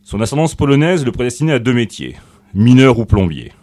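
A man's voice: mid-range voice, sing-song, a little fast, a little mellow. Man reading a mock-solemn radio tribute. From Corsica. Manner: mock-solemn, ironic delivery. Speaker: guest columnist. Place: radio studio.

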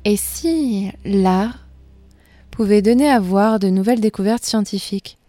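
A woman host giving measured, scripted narration. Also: medium pitch, warm tone, no echo, soft background music. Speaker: radio host.

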